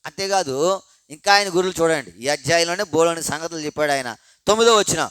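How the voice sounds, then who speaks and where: High-voiced man preaching with bursts of emphasis. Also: fairly quick, smooth, dry recording. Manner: rhetorical questions answered by himself; swings between loud emphasis and quiet low asides. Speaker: pastor. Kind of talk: sermon. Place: church prayer meeting. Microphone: handheld microphone.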